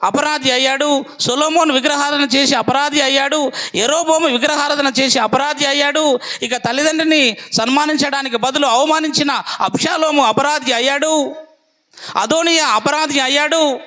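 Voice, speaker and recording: A man's voice: very high-pitched, normal speed, bright, forceful tone. A man preaching a sermon, with emphatic, repetitive lists.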